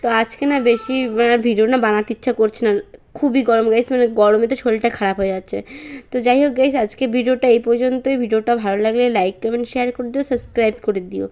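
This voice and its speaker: Young mom vlogging at home, talks fast, bit high voice, lo-fi phone sound. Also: female voice, steady tone, a little mellow, smooth. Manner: chatty, many fillers, baby talk to her child. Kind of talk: casual home vlog chat.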